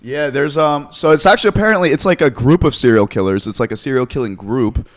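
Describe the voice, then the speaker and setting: A man with a mid-pitched voice talks in a loose, slangy frat-bro way. He sounds like he is hanging out and chatting casually with friends. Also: fast talker, crowd noise. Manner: bro-ish slangy frat-boy talk. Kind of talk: casual chat.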